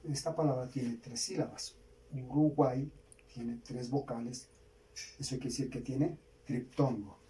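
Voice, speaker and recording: A Colombian man teaching a grammar lesson, slowly repeating key words for students to write down. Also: mid-range voice, steady tone, warm tone. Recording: distant mic, faint background hiss.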